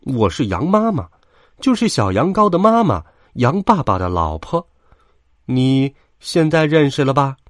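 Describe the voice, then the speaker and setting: A man's voice: medium pitch, sing-song, a little slow, dry recording, clean studio sound, pitched above the performer's own voice. Brief: indignant storybook mother ewe, scolding and demanding, a man doing the voice. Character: protective, indignant mother sheep.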